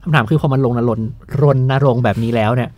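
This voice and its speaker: A man's voice: medium pitch, fast, darkish tone, dry recording. A man hosting a podcast, casually posing probing questions to his guests. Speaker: podcast host. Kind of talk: casual discussion.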